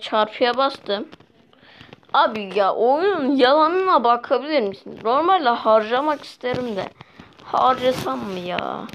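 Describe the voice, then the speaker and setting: Young female gamer, higher voice, chatty and exasperated, casual play-by-play, dull lo-fi recording with faint hiss. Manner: chatty, easily exasperated, talks to viewers. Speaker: mobile gameplay vlogger. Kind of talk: casual gameplay commentary. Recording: dull lo-fi sound with faint noise.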